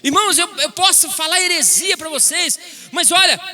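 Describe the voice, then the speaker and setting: A man preaching a sermon as a pastor, telling a personal story with passion and rising to shouts. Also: extremely high pitch, moderate pace.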